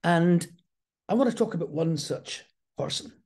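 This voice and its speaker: A man slowly and thoughtfully telling an earnest personal story from his past. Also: a little high, animated, darkish tone.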